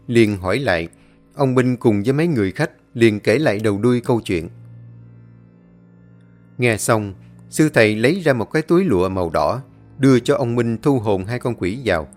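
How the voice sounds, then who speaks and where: A man reading a ghost story aloud in a steady, measured way. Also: medium pitch. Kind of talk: scripted ghost story narration.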